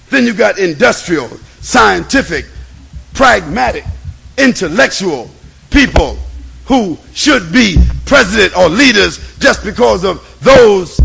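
A man giving an impassioned religious and political lecture in a raspy voice, with an emphatic, repetitive preacher's cadence. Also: high-pitched, low-quality recording. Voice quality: raspy, gravelly. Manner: emphatic, repetitive preacher's cadence, swinging between hushed and shouted.

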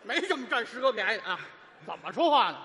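Bright high-pitched man playing the straight man, quick retorts, hall echo and faint audience noise. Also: sing-song. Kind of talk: stage crosstalk comedy. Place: stage before a live audience.

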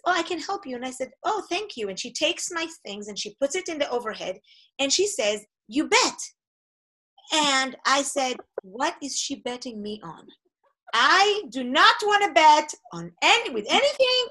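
A middle-aged Israeli woman whose first language is Hebrew hosts a conversational interview, telling her own stories in an animated, expressive way. Her voice sits high and moves at a moderate pace, though the audio is poor.

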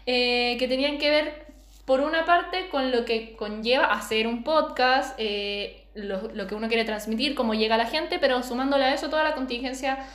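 A woman's voice: high voice, normal speed, fairly bright tone. A young woman with a Chilean accent, co-hosting a podcast in chatty, slangy banter. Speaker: podcast co-host. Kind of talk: casual chat. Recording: roomy echo.

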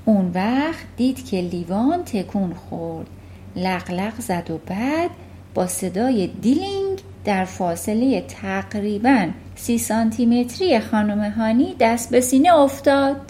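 A woman narrating a children's novel in a calm storytelling manner. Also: fairly high pitch, a little hiss or hum. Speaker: audiobook narrator. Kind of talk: children's audiobook reading.

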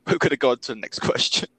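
A man's voice: fairly quick, sharp tone, dry recording, rough recording. A man co-hosting a casual podcast chat, teasing his friend in a playful way. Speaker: podcast co-host.

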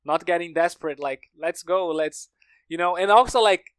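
On a podcast, a language learner from Brazil, a native Portuguese speaker with a Brazilian accent, tells stories in casual conversation, leaning on "like" and "you know." His high, somewhat bright voice is clean, moves at a moderate pace, and has no echo.

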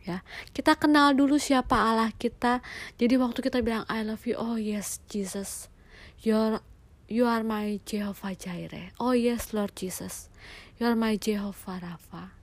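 A young adult woman giving a casual, earnest devotional talk, sometimes sinking to a soft near-whisper. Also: on the high side, steady tone, measured pace. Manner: warm, earnest, drops to soft near-whispers on heartfelt lines. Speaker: devotional speaker.

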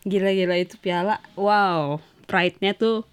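A young woman chats in a lively, teasing way, laughing often and pushing back playfully. Her voice sits at an average pitch for a woman. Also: a little slow, clean tone. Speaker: guest, futsal player. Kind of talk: casual chat.

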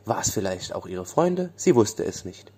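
Male bedtime storyteller, mellow tone, lively sing-song pitch. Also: normal speed, slightly rough.

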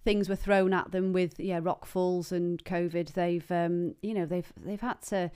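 A woman, a running coach being interviewed on a podcast, speaking in a measured, informative way with frequent "um" fillers. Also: fairly low pitch, fairly even intonation, mellow, clean tone.

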